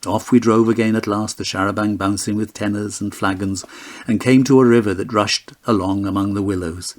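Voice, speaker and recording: A man's voice: fairly low pitch, steady tone, fairly quick. A man narrating an audiobook in a lyrical, storytelling way.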